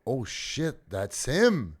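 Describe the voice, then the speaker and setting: A man's voice: medium pitch, wildly swooping pitch, very slow, a little hiss or hum. A man giving casual reaction commentary, with short exclamations and remarks as they come.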